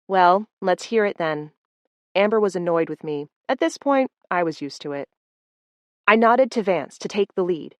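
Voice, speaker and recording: A woman narrating a first-person audiobook in a steady, expressive storytelling voice. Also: lowish voice, no echo, clean studio sound.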